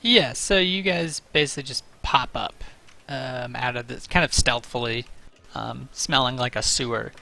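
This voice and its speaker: A man's voice: mid-range voice, normal speed, creaky, hardly any pauses, sharp tone. A man narrating a tabletop game as game master, in a loose, joking way with many fillers.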